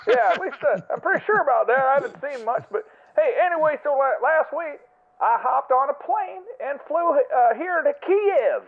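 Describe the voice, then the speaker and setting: A man's voice: extremely high pitch, animated, normal speed. A man putting on a cheerful, clueless caller who rambles obliviously and chuckles, heard as a voicemail over a phone line. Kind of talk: comedic prank voicemail.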